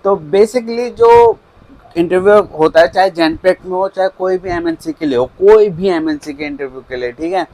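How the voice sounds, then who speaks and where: Man, slightly high voice, casual career coaching, checks in with the listener. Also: lively intonation, normal speed, darkish tone, dry recording, low-quality recording. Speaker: career advice vlogger. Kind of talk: casual instructional talk.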